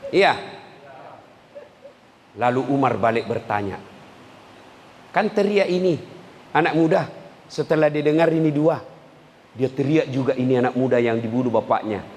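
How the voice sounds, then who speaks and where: A man preaching a humorous sermon, joking with his listeners and jumping into high voices for the people he quotes. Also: moderate pace, pauses often. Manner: lively, jokes with the crowd, acts out quoted voices in high pitch. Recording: long hall reverb, faint ambience.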